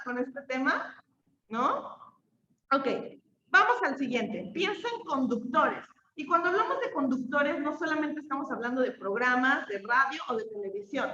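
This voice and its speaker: Mexican lady teaching online, high voice, echoey room, bit muffled, keeps asking "right?". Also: fairly bright tone. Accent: Mexican Spanish. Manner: chatty, checks in with frequent questions. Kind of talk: online class lecture.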